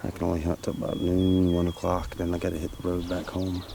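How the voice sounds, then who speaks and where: A man's voice: completely flat delivery, quick pace, vocal fry, warm tone. A man filming his own hunt outdoors, talking plainly and casually to the camera, a little out of breath. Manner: plainspoken, low-key field talk, at times whispering. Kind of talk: casual outdoor vlog narration. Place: outdoors in hilly prairie woods. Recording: outdoor field recording with background noise.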